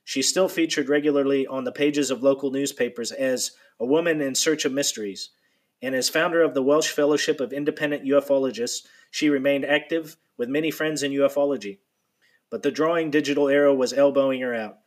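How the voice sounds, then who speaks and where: A man reading a nonfiction account aloud in a steady, measured storytelling manner. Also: mid-range voice. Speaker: narrator.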